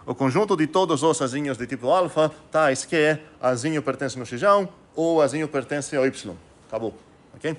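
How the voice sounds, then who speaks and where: At a moderate pace and a slightly high pitch, a man delivers a recorded math lecture, thinking aloud with lots of fillers and restarts while posing rhetorical questions to his students.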